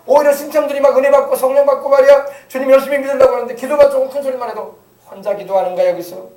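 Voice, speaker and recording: A man's voice: extremely high pitch, steady tone, rapid-fire, a little mellow. A middle-aged male pastor preaching a sermon in a folksy, joking way, often mimicking grumbling church elders. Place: church sanctuary. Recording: echoey church room, mic at a distance.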